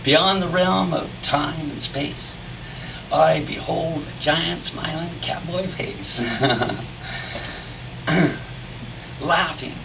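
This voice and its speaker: A man reciting cowboy poetry as drawn-out storytelling verse, with folksy rustic diction and dramatic pauses. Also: fairly high pitch, creaky. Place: live poetry reading at a venue. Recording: distant mic in noisy live room.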